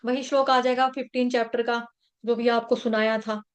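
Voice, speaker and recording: High-pitched woman scripture teacher, storytelling class voice that breaks into slow chanted Sanskrit verses. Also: little pitch movement, smooth, muffled recording.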